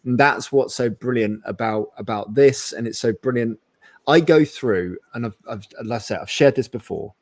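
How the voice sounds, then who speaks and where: A man's voice: medium pitch, normal speed, darkish tone, no room sound. Chatty man hosting a video call interview. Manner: enthusiastic, talkative, rambling with restarts. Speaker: webinar host. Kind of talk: casual conversational interview.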